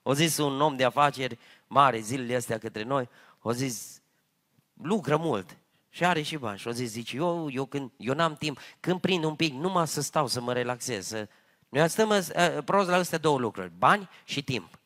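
Animated man preaching in a church. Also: medium pitch. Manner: animated preaching, swinging between loud emphasis and quiet asides. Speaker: pastor. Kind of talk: sermon. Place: church hall at a youth conference.

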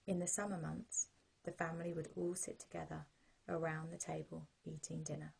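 A British woman serves as a sleep story narrator, guiding the listener gently and without hurry. Her voice is low-set and very breathy, with a soft, mellow warmth. The delivery is calming bedtime storytelling for children. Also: low-quality recording. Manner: gentle, calming, unhurried guidance.

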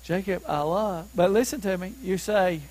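A man preaching a sermon as pastor, who asks the listeners questions and rises to emphatic shouts on key points. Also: sits high, normal speed, rough recording. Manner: asks the congregation questions to keep them following.

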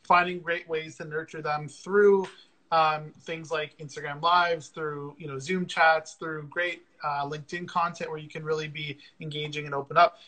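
A man's voice: on the high side, flat delivery, moderate pace, sharp tone, low-quality recording. A man hosting a casual livestream interview over a video call, upbeat and chatty with frequent fillers. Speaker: podcast host.

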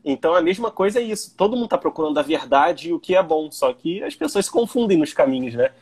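A man's voice: fairly high pitch, expressive, quick pace, a little mellow, breathy edge. A young Brazilian man with a Brazilian Portuguese accent, chatting in a laid-back way, with lots of casual fillers. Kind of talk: casual conversation.

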